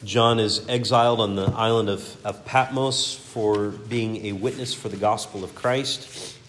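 A man's voice: fairly low pitch, steady tone, a little slow, a bit bright, a little hiss or hum. A man teaching a Sunday school class, reading scripture aloud with earnest emphasis and often repeating words as he searches for phrasing. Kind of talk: Bible teaching.

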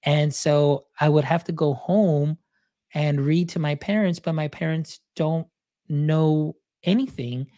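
Speaking slowly, a male podcast host whose first language is Spanish reflects and tells stories in a relaxed interview chat, using many fillers. He has a slightly high, warm voice. The recording is dry and of studio quality.

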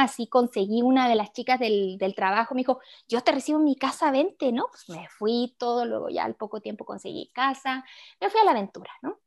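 A woman, the guest of an interview, telling a work story in an animated, chatty way full of little fillers. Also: on the high side. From Chile. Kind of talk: conversational storytelling.

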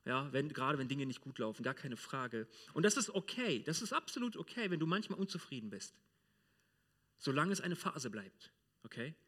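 A man's voice: mid-range voice, big pitch swings, normal speed, a bit bright. A man from Germany preaching a sermon in church, speaking directly and informally to the congregation. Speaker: pastor.

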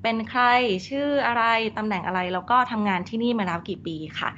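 A woman's voice: medium pitch, fast talker, a bit bright. A woman hosting a podcast interview, introducing guests and putting questions to them. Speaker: podcast host. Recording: dull sound with faint background noise.

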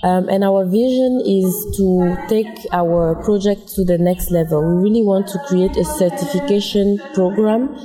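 A woman answering interview questions in a measured, hesitant way. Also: medium pitch. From Togo, raised in Africa and Europe. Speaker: interviewed brand co-founder. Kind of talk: conference interview. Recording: echoey hall, music behind.

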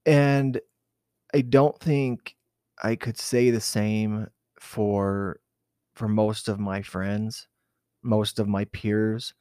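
A man's voice: fairly low pitch, little pitch movement, drawn-out words, darkish tone, clean tone, no echo, clean studio sound. A man from southern Arizona recalling a personal memory in an unscripted interview, hesitant and reflective, with many fillers and restarts. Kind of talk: unscripted oral-history recollection.

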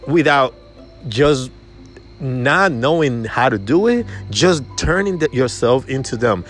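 A man giving a motivational sales lesson in an emphatic coaching manner. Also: mid-range voice. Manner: emphatic, acts out customer voices. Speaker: sales trainer.

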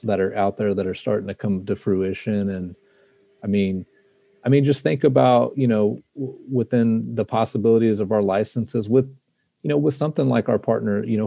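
Low, mellow-voiced man speaking haltingly. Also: vocal fry, no echo. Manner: halting, often restarts and repeats words. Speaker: guest, trading card company representative. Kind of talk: casual podcast interview.

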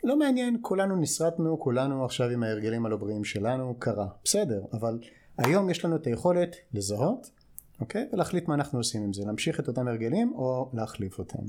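A man's voice: medium pitch, dark tone. A man from the United States with an American accent, explaining things as an expert guest in an interview, in a didactic way with short check-in questions. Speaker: guest clinical psychologist.

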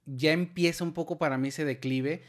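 A man's voice: fairly high pitch, steady tone, normal speed. A man with a Mexican accent co-hosting a podcast, talking casually with hesitant fillers. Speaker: podcast co-host. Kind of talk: casual chat.

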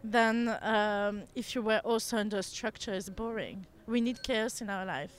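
A woman's voice: mid-range voice, measured pace, smooth. A woman answering questions in a street interview outdoors in a city. She talks thoughtfully and sometimes searches for words.

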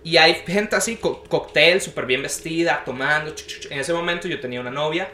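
Young adult male storyteller, animated, acts out quoted voices, slightly high voice. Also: fairly quick, a little hiss or hum. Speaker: podcast guest telling a story. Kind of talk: casual storytelling chat. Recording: roomy echo.

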